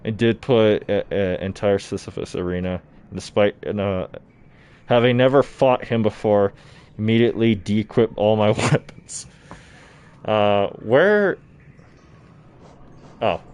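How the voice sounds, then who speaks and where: A man's voice: fairly low pitch, slow, pauses often, darkish tone, smooth. A man livestreaming a game in casual chat, projecting his voice through a face mask. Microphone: distant microphone, talking through a mask. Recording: noisy, mic set far away.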